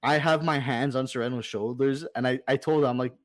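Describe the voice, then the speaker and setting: Animated storytelling man, dry sound. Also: mid-range voice, brisk, no echo. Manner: animated, retells scenes with quoted dialogue. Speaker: supporters' club president, podcast guest. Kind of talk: casual storytelling.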